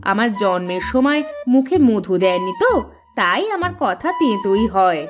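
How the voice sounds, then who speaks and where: A woman voicing a sharp-tongued village mother in a cartoon, scolding and sarcastic. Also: medium pitch, sing-song, normal speed, over music, lightly acted. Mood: nagging. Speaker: cartoon voice actress. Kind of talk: cartoon voice acting.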